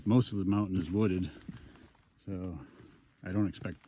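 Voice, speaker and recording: A man's voice: low voice, measured pace. A man casually narrating a hiking vlog outdoors on a wooded mountain trail, rambling with lots of ums. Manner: relaxed, rambling with many ums. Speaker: hiking vlogger. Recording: outdoor noise behind.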